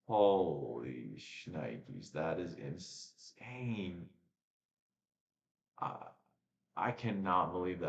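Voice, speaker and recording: A man's voice: sits low, gravelly, a bit bright, roomy sound, muffled recording. A man chatting casually and calling a car race live on a home watch-along stream, rambling between race updates. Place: at home in front of a webcam. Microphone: webcam and desk mic.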